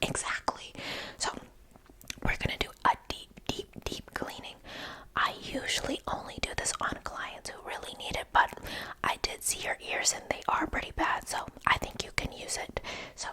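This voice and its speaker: A woman in a whispered role-play, whispering a secret as a gossipy ear-cleaning attendant confiding in a client. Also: moderate pace. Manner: whispering a secret, hushed and conspiratorial. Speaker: ASMR performer.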